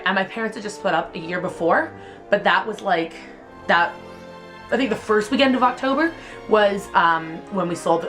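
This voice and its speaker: A young woman, telling childhood stories in a casual, chatty vlog, filling her speech with "like". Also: on the low side. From Canada. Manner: chatty, heavy use of "like", animated retelling. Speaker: vlogger.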